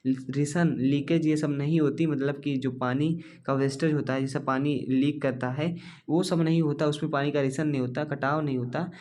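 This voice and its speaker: A man's voice: on the high side, steady tone, normal speed, darkish tone. A male teacher giving an exam-focused lecture, explaining step by step with many rhetorical questions and calling the students dear and brother.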